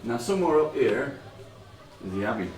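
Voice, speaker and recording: A man's voice: medium pitch, big pitch swings, normal speed, a little mellow, recorded from a distance. A man narrating a tabletop game as game master, describing things plainly to the players. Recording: roomy echo, music underneath.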